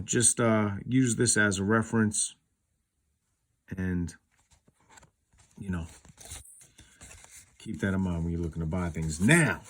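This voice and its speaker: His pitch is fairly low and a little mellow. The man is a collector hosting his own video, loosely comparing things in an unscripted, rambling explanation dotted with "you knows."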